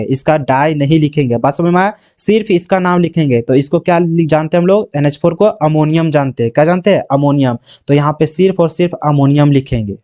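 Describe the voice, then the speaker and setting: Male chemistry tutor, slightly high voice, repetitive question-and-answer drilling. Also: mellow. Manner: asks rhetorical questions and answers them himself; keeps checking if students understood. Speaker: chemistry teacher. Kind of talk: exam-prep lesson.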